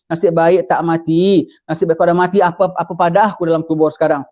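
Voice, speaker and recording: A man's voice: fairly high pitch, flat delivery, fast. A man with a Malaysian Malay accent preaching a sermon to a gathering, mixing English phrases into his Malay and firing rhetorical questions at the audience. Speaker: Islamic preacher. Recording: dull lo-fi recording.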